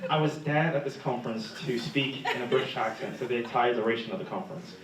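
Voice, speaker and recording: A man's voice: medium pitch, fast, reverberant, far from the mic, crowd noise, low-quality recording. A young man answering interview questions, telling stories with humor and laughing often. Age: young adult. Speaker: guest speaker, graduate student.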